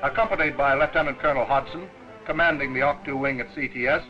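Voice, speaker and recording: A man giving brisk, declamatory scripted narration for an old newsreel. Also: medium pitch, fairly even intonation. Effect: old newsreel sound. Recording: dull lo-fi 1940s newsreel soundtrack with music. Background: music.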